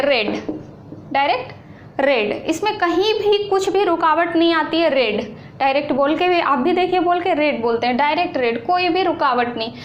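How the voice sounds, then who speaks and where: Lady teacher doing an online lesson, echoey room, bit of hiss behind. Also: high-pitched. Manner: slow, repetitive explaining with questions to students. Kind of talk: online exam-prep lesson. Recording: echoey room with faint noise.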